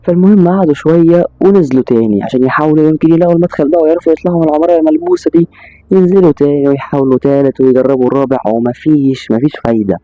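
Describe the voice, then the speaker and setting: A man with an Egyptian accent telling a horror story in a casual, animated way. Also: on the high side, no echo, narrow, tinny audio. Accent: Egyptian Arabic. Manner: rapid, animated retelling.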